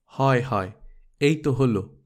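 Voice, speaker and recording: A man's voice: medium pitch, slow, lightly acted. A man voicing a small girl who pleads with and argues back at her mother, read as an audiobook character. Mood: wheedling. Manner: sharp, wheedling.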